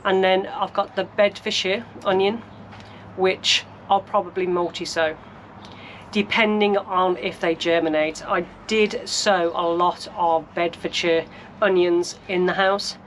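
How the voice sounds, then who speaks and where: A UK woman who vlogs about gardening narrates her allotment sowing as she works in the greenhouse, casual, chatty and practical, thinking aloud. Her voice is lowish and steady at a measured pace, with slight background noise.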